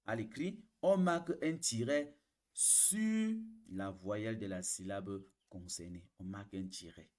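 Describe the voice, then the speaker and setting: A man teaching a language lesson, explaining slowly, repeating each point and demonstrating tones aloud. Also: mid-range voice. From Cameroon. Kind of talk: classroom lesson.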